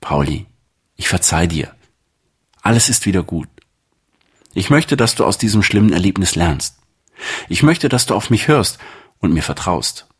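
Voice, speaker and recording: A man voicing a kind, patient shepherd who speaks gently and reassuringly to his lamb in a children's story. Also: sits low, big pitch swings, normal speed, pauses often, breathy edge, full character voice. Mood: gentle, forgiving. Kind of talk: storybook reading.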